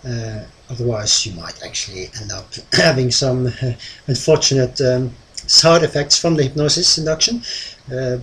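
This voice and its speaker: A man speaking as a hypnotist presenter in a conversational way, halting often with pauses and ums. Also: mid-range voice, fairly bright tone. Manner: hesitant, halting delivery with frequent long pauses and ums. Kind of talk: conversational explainer to viewers. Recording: clearly noisy ambient background.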